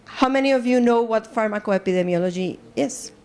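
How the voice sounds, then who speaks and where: In a conference room, a Colombian assistant professor with a Colombian accent lectures to a live group, earnest and engaging her audience despite many fillers and restarts. Her voice is fairly high and fairly quick, with a darkish yet clean tone.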